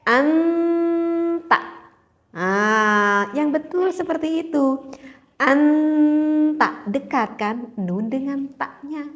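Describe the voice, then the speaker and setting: A woman with a high voice teaches a recitation lesson at a slow, careful pace. She demonstrates each sound again and again, patient and clear with the learners at home. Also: animated. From Indonesia.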